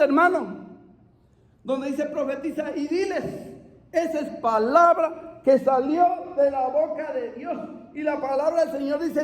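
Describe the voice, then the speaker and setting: A man with a strikingly high voice preaches with fervor, calling his listeners brothers and rising into shouts. His voice rings out with a long hall reverb around it. He sounds middle-aged, leading a night church service. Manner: fervent, calls listeners brother, bursts into shouts. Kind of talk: sermon.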